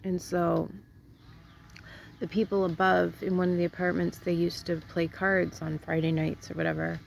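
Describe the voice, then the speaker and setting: A middle-aged woman talks in a loose, rambling way, full of fillers and laughs. Her voice sits low and gravelly, raspy from a sore throat. A faint hiss of background noise runs under the recording. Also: little pitch movement, moderate pace. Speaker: vlogger. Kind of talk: casual storytelling chat.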